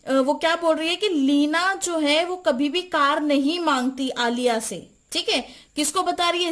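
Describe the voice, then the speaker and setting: A woman teaching a chemistry lecture, repeating mnemonics and quizzing the listener. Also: high-pitched. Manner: repeats and quizzes the listener, slow deliberate spelling-out.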